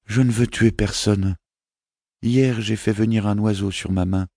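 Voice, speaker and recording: Man voicing a young boy prince, anxious, earnest, soft pleading tone, raised pitch, dry sound. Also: steady tone, a little slow, no echo. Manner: soft, pleading, childlike questions.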